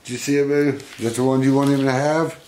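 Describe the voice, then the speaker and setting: A man's voice: mid-range voice, steady tone, fast, noisy background. A man hosting a casual home video, coaxing and doting on his pet monkeys.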